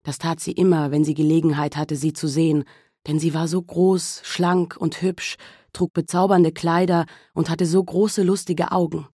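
A woman narrating a novel as an audiobook in a calm, measured storytelling manner. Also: low voice, breathy edge, dry recording, clean studio sound. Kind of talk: scripted narration.

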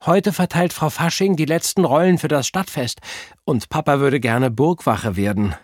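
A woman's voice: sits low, moderate pace, darkish tone, no echo, clean studio sound, pitched above the performer's own voice. A man voicing a cheerful mother in a children's audiobook, in a fluting, sing-song voice.

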